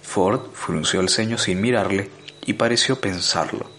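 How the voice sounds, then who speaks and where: Low gravelly male narrator. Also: normal speed, fairly bright tone, a little hiss or hum. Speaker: audiobook narrator. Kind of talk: scripted narration.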